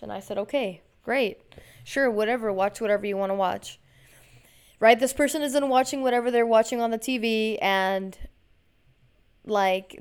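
A woman's voice: medium pitch, smooth. A woman hosting a podcast, telling a personal story in a rambling, frustrated way, with lots of swearing and slang. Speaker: podcast host. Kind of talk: casual storytelling monologue.

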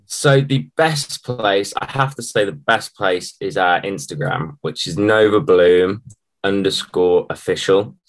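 A man with a British accent, chatting casually as an interview guest in a halting, matey way. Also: low-pitched. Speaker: band musician, interview guest. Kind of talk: casual chat.

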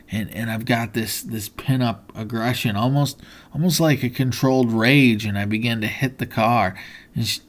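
A man hosting a podcast, telling a personal story in an earnest, motivational way, with many fillers and restarts. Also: on the low side. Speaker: podcast host.

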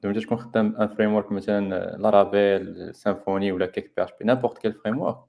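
Moroccan-accented man, lowish mellow voice, rapid casual explanation. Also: fairly even intonation, creaky. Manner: explanatory, mixing in French terms. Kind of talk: casual panel discussion.

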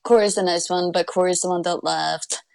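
A woman's voice: fairly low pitch, steady tone, brisk, vocal fry, dry recording, studio quality. A woman in her twenties from Ukraine, a native Russian speaker, chatting casually as she answers questions. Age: 20s. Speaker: interviewee, student. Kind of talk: casual chat.

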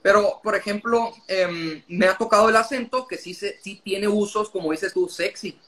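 A man's voice: high voice, normal speed, fairly bright tone. A man explaining his views in casual conversation, talkative and often breaking off mid-sentence. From Mexico.

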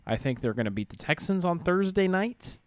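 A man's voice: high voice, big pitch swings, fairly quick, slight background noise. A man hosting a casual sports podcast, upbeat, steering the talk between topics. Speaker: podcast host.

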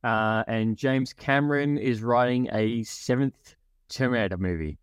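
Male podcast co-host, mid-pitched, casual and animated, acts out quotes, dry close mic. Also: a little slow, smooth, dry recording.

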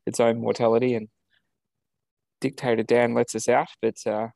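A man's voice: mid-range voice, little pitch movement, moderate pace, gravelly, a little mellow, no room sound. An Australian man co-hosting a podcast over a video call, chatting casually with lots of ums and uhs. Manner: easygoing, many ums and uhs, chuckles. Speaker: podcast co-host. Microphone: video call setup.

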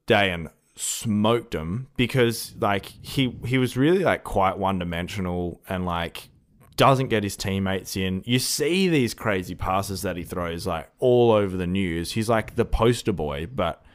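Aussie guy with a low voice, blunt and slangy, chatting casually about sport. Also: lively intonation, a little slow. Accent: Australian. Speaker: podcast co-host giving opinions.

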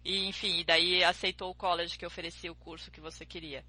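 A woman's voice: on the low side, little pitch movement, a little fast, sharp tone. A woman hosting a podcast interview, asking long, rambling, friendly questions full of restarts. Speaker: podcast host, exchange agency consultant. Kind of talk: casual interview chat.

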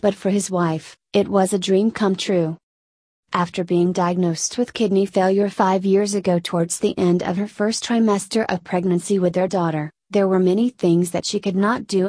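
A woman narrates a scripted feature story with measured pacing. Her mellow, relaxed voice sits at a middle pitch, and the recording is completely dry, with no room sound at all.

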